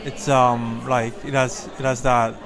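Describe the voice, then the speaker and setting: A man's voice: medium pitch, level tone, unhurried, over music. A man, speaking natively, answering interview questions hesitantly while searching for words at an art fair. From South Korea. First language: Korean. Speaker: artist and art writer. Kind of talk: casual interview. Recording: noisy crowd at a fair.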